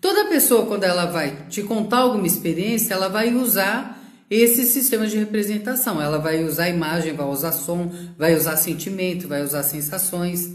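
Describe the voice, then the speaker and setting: A woman's voice: on the low side, normal speed, roomy sound. A woman with a Brazilian Portuguese accent giving a live-streamed sales lecture, listing terms one by one and checking in with "ok?". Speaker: sales trainer. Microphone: phone on a social media live stream.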